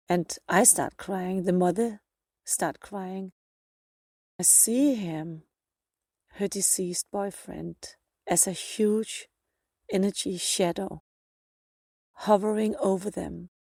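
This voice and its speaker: A woman's voice: fairly low pitch, dark tone, dry recording, studio quality. A woman podcast host earnestly retelling a personal spiritual experience in the present tense, often repeating her phrases.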